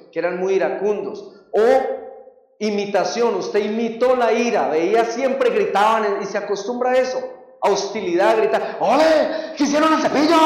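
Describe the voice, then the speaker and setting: Male seminar teacher, high voice, emphatic preaching style, recorded from far off in a very echoey hall. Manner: emphatic, animated preaching with acted-out examples.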